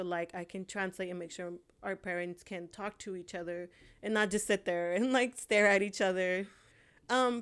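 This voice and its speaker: Young woman, lowish smooth voice, casual and halting, lots of ums. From Honduras. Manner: hesitant, many fillers. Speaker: co-host. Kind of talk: casual chat.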